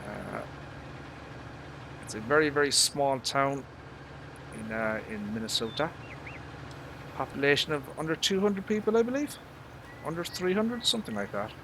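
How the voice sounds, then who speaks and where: A man's voice: mid-range voice, lively intonation, moderate pace, vocal fry, pauses often. A middle-aged man with an Irish accent talks to his live-stream audience as he plays. He rambles, restarts sentences and mutters mild curses in an easy mid-range voice. A faint hiss sits under the voice. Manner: chatty, rambling, drops mild swears and fillers. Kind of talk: casual live-stream chat while gaming.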